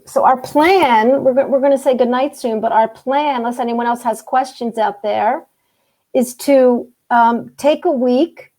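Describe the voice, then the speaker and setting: A woman with a slightly high, warm voice hosts a casual group discussion on a video call. She speaks enthusiastically, repeats herself, and cracks jokes.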